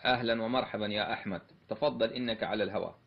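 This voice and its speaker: Very rapid-speaking male call-in host. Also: on the low side, vocal fry. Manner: courteous, short formulaic blessings. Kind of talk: taking calls on air. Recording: slightly dull lo-fi audio.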